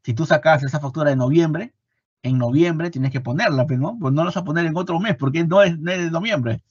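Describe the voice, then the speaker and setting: A man with a Peruvian Spanish accent teaching an online class, animated and repeating his points with rhetorical questions. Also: on the high side, brisk, slightly rough, no room sound, dull audio. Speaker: instructor. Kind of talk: online lecture.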